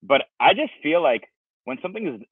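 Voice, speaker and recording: Here the same kind of guest, a Russian-born company founder in his forties, sounds fairly high-pitched, very animated and brisk, with a slightly rough voice. He answers interview questions in a rambling way, restarting often and using many fillers, while on a video call from an outdoor patio through wireless earbuds. The recording is dry, with thin, phone-like call audio.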